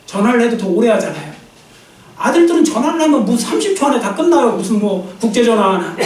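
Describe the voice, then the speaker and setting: High-voiced pastor preaching in an echoey hall. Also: male voice, darkish tone, far from the mic. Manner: conversational preaching, acts out quoted dialogue. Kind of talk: sermon. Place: church sanctuary.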